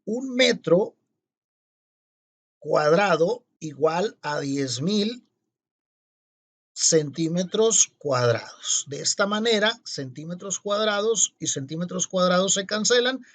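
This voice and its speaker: Male teacher, unhurried and methodical, walks through equations aloud, pauses to check himself. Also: sits high, animated, a bit bright. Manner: deliberate, spells out each calculation and checks itself. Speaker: physics teacher. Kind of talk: explaining exercises step by step.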